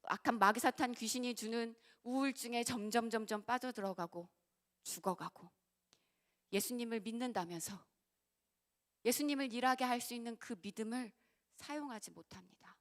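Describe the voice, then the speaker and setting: A woman pastor preaching passionately to young adults, swinging from shouting to near whispers. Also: on the high side, moderate pace. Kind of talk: sermon to a youth service.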